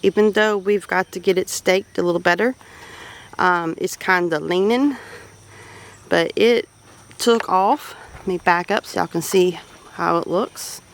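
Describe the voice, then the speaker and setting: A homestead vlogger with a Southern US accent and a fairly low voice walks through her garden at a measured pace. Her casual, unscripted commentary rambles warmly and appreciatively. Birds, roosters and other farm animals make the outdoor recording noisy.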